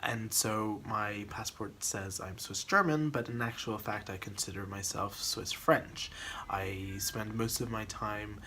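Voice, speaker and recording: A man's voice: fairly low pitch, fairly even intonation, unhurried, sharp tone, slight background noise. A man from the Philippines hosting his cooking channel, chatting casually to a camera on a tripod, rambling with restarts and little laughs.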